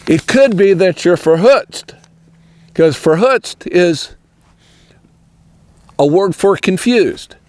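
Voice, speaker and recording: A man's voice: sits high, lively intonation, slow, pauses often, darkish tone, dry recording. Folksy older man with a dry sound. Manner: easygoing, rambling, storytelling. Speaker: horse trainer. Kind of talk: folksy horse-training talk.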